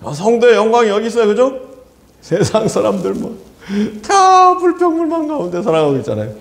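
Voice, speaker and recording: Male pastor, sermon, animated, laughs often, high lively voice, echoey room. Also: a little fast. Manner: animated, laughing often, asks the congregation for amens.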